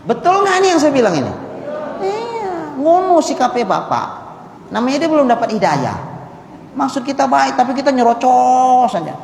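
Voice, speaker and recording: A man, preaching a conversational sermon to women, dropping into hushed prayer tones. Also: extremely high pitch, big pitch swings, normal speed, gravelly, a little hiss or hum. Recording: echoey hall with faint ambience.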